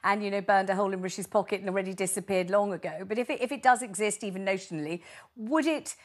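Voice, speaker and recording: A woman's voice: medium pitch, fast talker. A woman presenting a studio political discussion, chatty and theatrical, asking long rhetorical questions.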